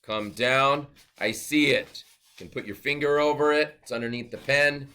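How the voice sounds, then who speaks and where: A man's voice: medium pitch, fairly even intonation, normal speed, pushed and bright, clear, resonant tone. Man teaching a math lesson. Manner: explains step by step, counts aloud, asks and answers his own questions.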